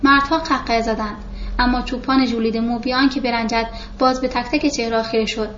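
A woman's voice: on the high side, fairly even intonation, highs cut off, a little hiss or hum. A woman narrating a novel as a scripted audiobook reading, giving the characters' lines in her own voice.

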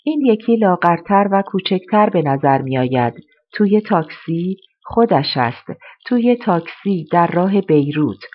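An audiobook narrator reading a first-person novel in a steady, subdued way, in a slightly dull recording. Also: medium pitch.

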